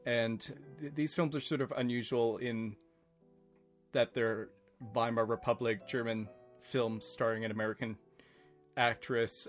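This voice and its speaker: Male podcast host, mid-pitched, halting casual film talk, faint music under. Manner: hesitant, many fillers and restarts, laughs often.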